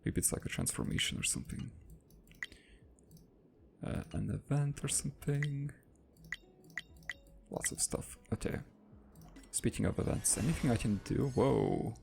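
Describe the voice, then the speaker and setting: A man's voice: mid-range voice, sing-song, measured pace, vocal fry, pauses often, darkish tone, slight background noise. A man casually thinking aloud while playing a game and reading its text out as he goes. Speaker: gaming let's-play host.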